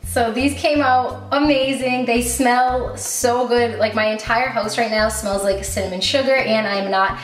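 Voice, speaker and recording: A woman's voice: fairly high pitch, fairly even intonation, unhurried, few pauses. A woman hosting a casual cooking vlog, chatting upbeat through step-by-step recipe instructions. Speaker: recipe-testing vlogger. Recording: roomy echo with faint background music.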